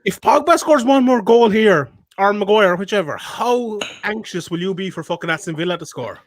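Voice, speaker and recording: A young man co-hosting a football podcast, loud and jokey, swearing and reading out betting odds. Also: high voice, lively intonation, moderate pace, a little hiss or hum. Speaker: podcast co-host. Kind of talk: casual chat over a live football match.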